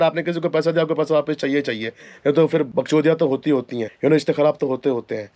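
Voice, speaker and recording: Male host, higher than average pitch, casual advice talk, code-switching Hindi and English, asks leading questions. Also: darkish tone. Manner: leading questions to his guest. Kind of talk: casual chat.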